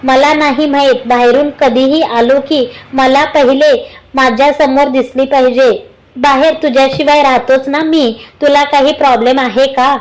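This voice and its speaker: Woman doing a sulky possessive young husband, grumbly and demanding, voice stays high. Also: steady tone, moderate pace, natural voice.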